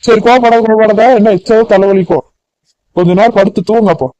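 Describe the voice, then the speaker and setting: A man voicing a bossy middle-aged village father who scolds quickly, in a cartoon comedy. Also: sits high, fairly even intonation, warm tone, dry recording, lo-fi sound, close to an everyday voice. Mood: scolding.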